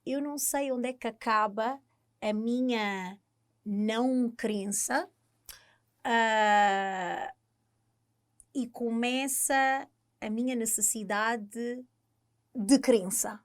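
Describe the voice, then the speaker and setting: A young woman with an Angolan Portuguese accent, co-hosting a casual chat and thinking aloud with many pauses and fillers. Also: on the high side. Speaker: podcast co-host.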